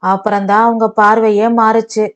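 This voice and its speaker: Sarcastic, accusing young husband, read by a woman, slightly high voice, dull lo-fi sound; storybook. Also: flat delivery, normal speed, lightly acted. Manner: mocking, accusing. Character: bitter sarcastic husband, young adult man.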